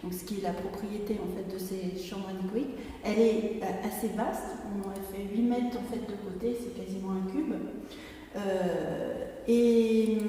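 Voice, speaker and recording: A middle-aged woman gives an informal research presentation. Her voice is soft-edged and mellow, picked up from a distance in a very reverberant church with faint noise. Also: medium pitch. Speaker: acoustics researcher, speaker. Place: inside a church.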